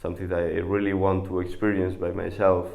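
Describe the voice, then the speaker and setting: Young man with a low gravelly voice. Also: flat delivery, darkish tone. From Spain. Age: 20s. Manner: halting, many pauses and fillers. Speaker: volunteer. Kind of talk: interview to camera.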